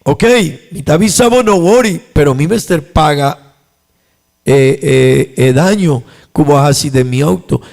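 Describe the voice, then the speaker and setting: A man's voice: a little high, expressive, measured pace, gravelly, a little mellow. A man with an Aruban accent, a pastor preaching a sermon in a church, repeating his points with emphasis and rising in volume on key lines. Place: church sanctuary.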